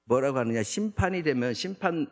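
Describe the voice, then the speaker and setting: A man's voice: mid-range voice, expressive, a little fast, darkish tone. A man, a junior pastor, giving an early morning prayer sermon in a church, talking conversationally and often tagging lines with a rhetorical "eh?". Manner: conversational, with frequent rhetorical "eh?" tags; acts out the psalmist's protests in a raised voice. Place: church sanctuary.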